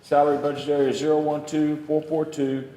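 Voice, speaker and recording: A man's voice: on the high side, flat delivery, a little fast, warm tone. Man chairing a meeting, echoey hall. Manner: procedural, formulaic. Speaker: county judge chairing a meeting. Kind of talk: formal meeting procedure, reading agenda items. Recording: echoey hall, long reverb, faint noise.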